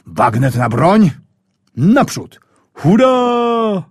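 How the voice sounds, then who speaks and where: A man voicing a fretful young navy boatswain, complaining and eager, in a husky, raised voice. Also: mid-range voice, animated, moderate pace, dry recording, clean studio sound. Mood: shouting. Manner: fretful and complaining, shouting in battle.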